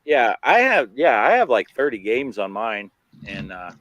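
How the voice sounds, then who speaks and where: A man's voice: mid-range voice, sing-song, a little slow, highs cut off, a loud crowd. An American man telling casual anecdotes among friends in a joking, self-deprecating way. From Arizona, US. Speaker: host of a hobby gaming show. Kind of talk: casual anecdotal group chat.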